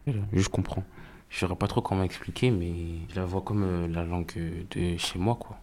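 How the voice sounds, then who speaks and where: A man's voice: low voice, fairly even intonation, fairly quick, darkish tone. A man of Congolese family speaking casually and plainly about the language spoken at home. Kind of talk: personal testimony.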